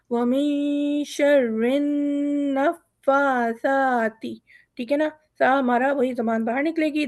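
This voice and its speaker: A woman teaching Quran recitation, reciting verses slowly and drawn out, then patiently explaining how each letter is pronounced step by step. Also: high voice, a little mellow, dry recording, clean studio sound. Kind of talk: online recitation lesson.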